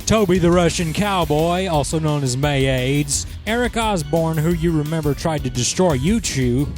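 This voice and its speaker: A young man hosting a sarcastic commentary on a video, mocking and quick with asides. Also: high voice. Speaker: commentary host.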